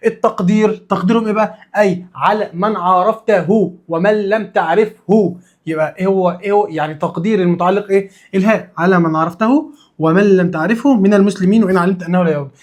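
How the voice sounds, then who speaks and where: A man's voice: high-pitched, a little mellow. A man with an Egyptian accent teaching a religious studies lesson, drilling students with repeated questions and answers and casual, playful asides. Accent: Egyptian Arabic.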